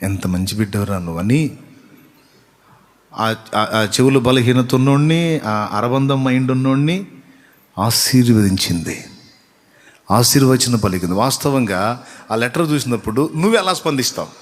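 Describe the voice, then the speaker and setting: A man preaching a sermon as pastor, telling stories and building to loud repeated appeals. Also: medium pitch, expressive, normal speed, pauses often. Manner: storytelling that acts out quoted voices.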